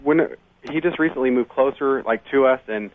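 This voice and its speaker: A man's voice: medium pitch, moderate pace, dry recording. A man in his late twenties calling into a radio show, telling a rambling story full of fillers. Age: 20s. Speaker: caller. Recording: tinny phone line.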